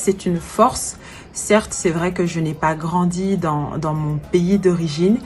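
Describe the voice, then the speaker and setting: Young woman in her twenties, life coach, sincere personal message, lowish voice, soft music underneath. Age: 20s. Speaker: life coach and event planner.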